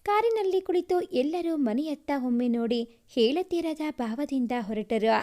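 A woman reading a family story aloud as a storyteller, gentle and even. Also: high-pitched, measured pace. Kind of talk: scripted story narration.

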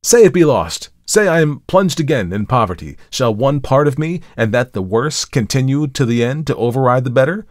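A man's voice: medium pitch, very animated, moderate pace, hardly any pauses, darkish tone, no room sound, clean studio sound, natural voice. Name: Markheim. Figure: a man playing a desperate murderer pleading his case. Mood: impassioned. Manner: impassioned, rising and emphatic. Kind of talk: dramatic audiobook reading.

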